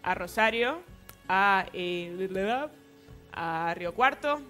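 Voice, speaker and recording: A woman's voice: mid-range voice, lively intonation, extremely slow, fairly bright tone, faint music behind. A young woman from Argentina, a singer-songwriter, chatting casually in a TV studio interview with easy laughs and hesitant fillers. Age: young adult. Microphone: headset mic.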